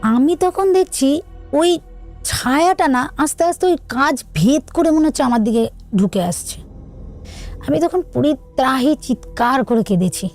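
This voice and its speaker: A woman, telling her own true ghost story in an earnest, halting, hushed way. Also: high-pitched, animated, faint music behind.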